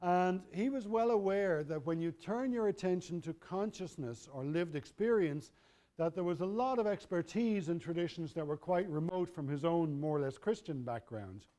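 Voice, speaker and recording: A man's voice: sits high, normal speed, dark tone. A middle-aged man, giving a university lecture in a wry, conversational way, often correcting himself mid-sentence.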